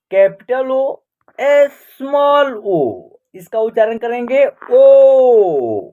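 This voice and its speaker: Slow, high-voiced woman teaching the alphabet. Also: a little mellow, muffled recording. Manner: slow, drawn-out, repeats each letter with quiz questions. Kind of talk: online alphabet lesson.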